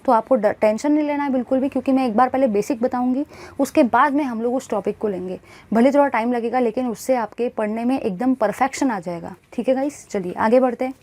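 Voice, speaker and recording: A woman's voice: fairly high pitch, quick pace, darkish tone, a little hiss or hum. A woman teaching a chemistry class, asking questions and answering them herself, calling the students bhai and guys.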